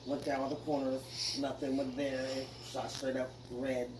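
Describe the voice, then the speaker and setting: A woman recounting strange happenings in her house in a casual interview, earnest and steady. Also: extremely low pitch, normal speed, roomy sound, far from the mic, background noise. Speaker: homeowner.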